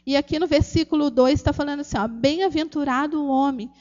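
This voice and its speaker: High-voiced Brazilian woman giving church testimony. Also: fairly quick, darkish tone, muffled recording. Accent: Brazilian Portuguese. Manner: earnest, addresses the audience as "gente", many restarts. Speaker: testimony speaker at a church ministry. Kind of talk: emotional personal testimony.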